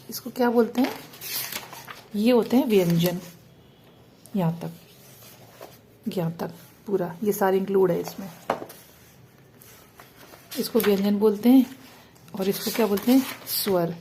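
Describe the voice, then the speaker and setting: A woman's voice: medium pitch, warm tone, slight background noise. A woman teaching parents the Hindi alphabet, asking questions and answering them herself, stretching out the vowel sounds.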